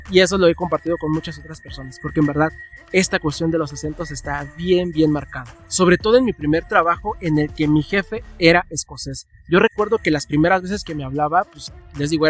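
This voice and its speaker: Young Mexican guy, chatty vlog storyteller, a bit high, soft music behind. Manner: chatty, animated, acts out his own past dialogue. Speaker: vlogger.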